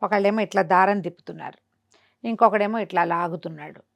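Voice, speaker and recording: A woman with a Telugu accent tells a folk tale conversationally, voicing each character's dialogue expressively. Her voice is lowish and fast, with vocal fry.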